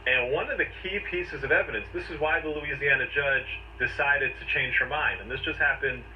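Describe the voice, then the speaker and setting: Brisk and medium-pitched, a man acting as a legal commentator gives a conversational, step-by-step legal explainer made of short, emphatic phrases. The replayed recording sounds distant, dull and noisy.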